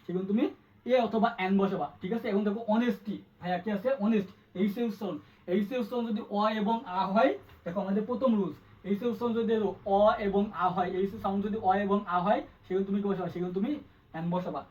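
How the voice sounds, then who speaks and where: A man teaching an exam-prep grammar lesson, quick and repetitive, asking his students questions again and again. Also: sits high, distant mic, lo-fi sound. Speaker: English tutor.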